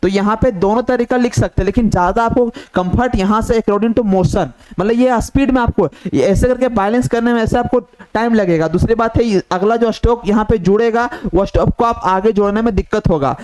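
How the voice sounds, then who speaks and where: A man teaches at a steady, patient pace, walking through each point and repeating it. His voice sits high for a man and comes through smooth and clear. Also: brisk, few pauses. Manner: repetitive, step-by-step explaining, mixing English terms into Hindi. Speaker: shorthand teacher. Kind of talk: whiteboard tutorial.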